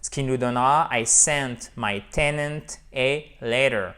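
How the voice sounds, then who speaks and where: A man giving an online English lesson, explaining slowly and checking in with "ok?". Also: medium pitch, sharp tone, smooth. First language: French. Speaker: English teacher.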